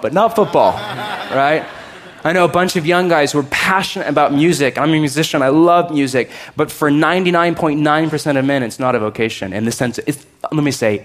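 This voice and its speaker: A middle-aged man preaching a sermon to a congregation, joking often and acting out listeners' doubts. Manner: lively, joking, acts out listeners' doubts in a higher voice. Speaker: pastor.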